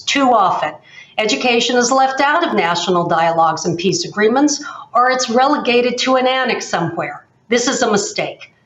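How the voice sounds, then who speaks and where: A woman speaking as head of a peace institute, delivering a measured, emphatic prepared speech over a video call. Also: medium pitch. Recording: echoey room, slightly dull sound.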